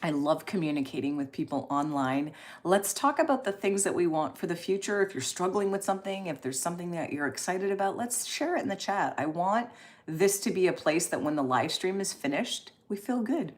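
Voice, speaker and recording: Hosting a casual live stream, this woman reads comments and responds to them, keeping her chat encouraging and expressive. Her voice is on the low side and her pace brisk.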